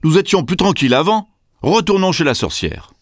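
A man's voice: fairly high pitch, sing-song, a little fast, no room sound, clean studio sound, pitched above the performer's own voice. A man voicing a vain, fussy mother hippo in a children's storybook. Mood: complaining.

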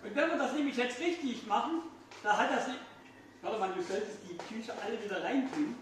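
A man's voice: very high voice, a little fast. An older man performing as a children's party magician, playfully firing questions and exclamations at the children in show patter. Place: indoors, small restaurant-like room. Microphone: distant phone camera in the audience. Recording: echoey room, far from mic, faint noise.

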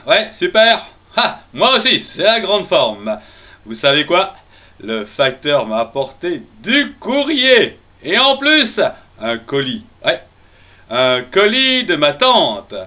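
A jolly, clumsy cartoon bear, voiced by a man, giggling as he chats to the children. His voice sits fairly high and swoops up and down with a lively, sing-song lilt. The tone is bright and ringing, and he takes his time over each line. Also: heavily acted. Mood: cheerful. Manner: chats straight to the young audience. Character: jolly clumsy male bear, chatty birthday boy. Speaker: children's story character. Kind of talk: children's storytelling.

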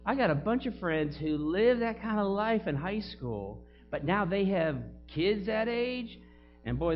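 A pastor preaching a sermon in a church, animated and acting out the voices he quotes, with loud whoops. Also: high voice, highs cut off. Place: church sanctuary.

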